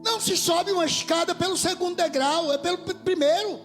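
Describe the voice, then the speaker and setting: A man with a Brazilian Portuguese accent preaching a sermon into a microphone in a church, fervent, rising to shouts and dropping to near whispers. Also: very high voice, fairly quick, soft background music. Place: church hall. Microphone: handheld microphone.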